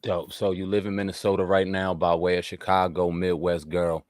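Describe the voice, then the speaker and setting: A man's voice: sits low, level tone, moderate pace, no echo, clean studio sound. A man from the US East Coast hosting a casual interview with an upbeat, hype-style delivery. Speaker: interview host.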